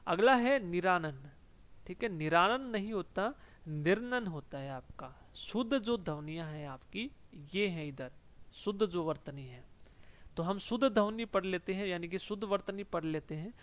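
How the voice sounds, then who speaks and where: Male tutor, higher voice, exam-prep spelling lesson, repetitive, steady drill delivery. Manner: repeats each word slowly, adds "ठीक है" constantly. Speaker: teacher.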